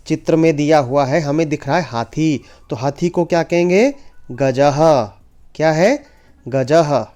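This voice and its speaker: Male teacher, somewhat high voice, unhurried drill delivery, soft music beneath. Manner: slow, drills pronunciation by repeating words. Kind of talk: online Sanskrit lesson in Hindi.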